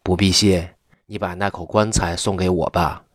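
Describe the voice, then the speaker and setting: A man reading the lines of a calm, wry wandering old monk in an unhurried, matter-of-fact way. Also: low voice, dry recording, clean studio sound.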